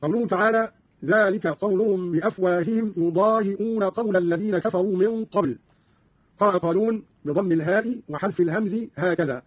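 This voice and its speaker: A man giving a scripted radio explanation of recitation variants, brisk and instructive, quoting verses as examples. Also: high voice, breathy edge, no room sound. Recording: dull lo-fi radio archive.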